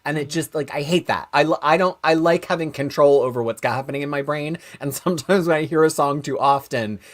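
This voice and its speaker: A man's voice: a little high, a little fast. A man co-hosting a show in casual chat, thinking aloud and often breaking off to restart his sentences. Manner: rambling, self-interrupting, thinking aloud. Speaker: show co-host.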